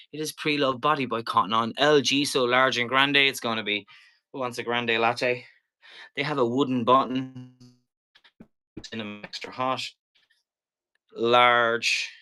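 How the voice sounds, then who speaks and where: A man's voice: mid-range voice, bright, forceful tone. A man hosting a live-stream shopping show, selling in a casual, chatty, rambling way with jokey asides.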